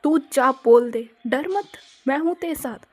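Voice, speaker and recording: A woman's voice: high voice, unhurried, a little mellow. A woman voicing a loyal, pushy teenage best friend who rallies her friend in an audio story. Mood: rallying. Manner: pushy, rallying, teasing. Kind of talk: Hindi audio story role-play.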